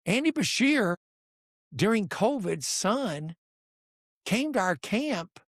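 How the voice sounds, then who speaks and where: A man's voice: high voice, takes it slowly, no room sound, studio quality. An older man, a basketball coach telling stories in casual conversation and acting out the dialogue. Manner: animated storyteller acting out dialogue. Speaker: podcast guest, basketball coach.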